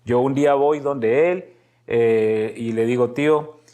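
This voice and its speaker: A middle-aged man from Medellín, Antioquia, Colombia, speaks with a paisa accent in a mellow, medium-pitched voice that's a little slow. As a podcast guest, he casually tells personal stories and acts out snippets of dialogue.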